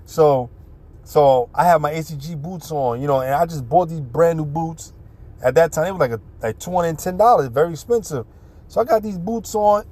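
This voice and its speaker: A man with a New York City accent telling a personal story in a casual, animated way, full of street slang and swearing. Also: fairly high pitch, normal speed.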